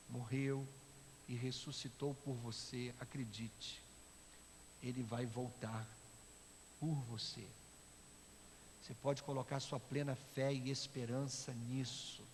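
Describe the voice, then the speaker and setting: A man with a Brazilian Portuguese accent preaching a sermon as pastor, swinging from loud shouting to hushed, quiet speech. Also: mid-range voice, slight background noise. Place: church sanctuary. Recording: long church reverb with soft instrumental music.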